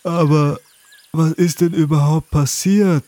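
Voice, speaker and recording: A woman's voice: sits low, steady tone, a little slow, dark tone. A woman voicing a sleepy, easygoing male sloth in a children's story, drawling and stammering. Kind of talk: storybook voice acting.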